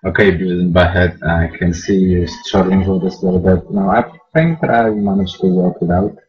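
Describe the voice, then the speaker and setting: A man's voice: low-pitched, moderate pace, darkish tone. A man with an Eastern European accent explaining things step by step in a casual, conversational narration. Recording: dull lo-fi audio with music.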